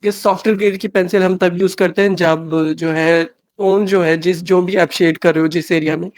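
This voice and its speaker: A man's voice: high voice, fairly even intonation, moderate pace, dry recording. A man narrating a drawing tutorial, switching between Hindi and English with many fillers and restarts.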